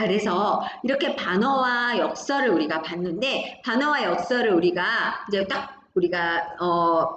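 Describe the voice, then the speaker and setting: A woman teaching a high school Korean class online, talking students through examples with frequent tag questions. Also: a bit bright, echoey room, dull audio, slight background noise. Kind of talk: recorded online class lecture.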